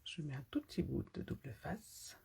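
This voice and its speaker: A low, gravelly woman's voice with a lively, swooping pitch, explaining card-making steps as she works. She chats casually to viewers and slips into a near-whisper when focused. Faint noise sits under the recording. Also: moderate pace. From France. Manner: chatty, talks while working with hands. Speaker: papercraft demonstrator. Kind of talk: live craft tutorial.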